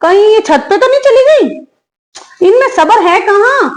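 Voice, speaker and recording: A woman voicing a lazy, cheeky young daughter-in-law who talks back quickly and chattily in a comic family sketch. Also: very high-pitched, expressive, pitched above the performer's own voice. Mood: chatty. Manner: quick, chatty, giggly backtalk.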